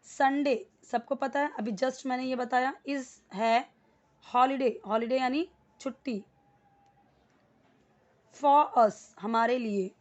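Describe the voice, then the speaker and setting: Here's a high-pitched female teacher explaining English grammar in Hindi, step by step, pronouncing words slowly so students can echo them. The audio is lo-fi and dull.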